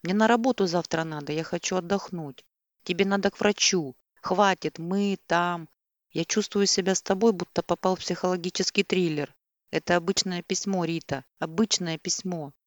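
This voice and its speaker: A woman's voice: lowish voice, steady tone, moderate pace, no echo, clean studio sound, natural voice. A woman reading an irritated dismissive young man. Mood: exasperated. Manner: dismissive, exasperated.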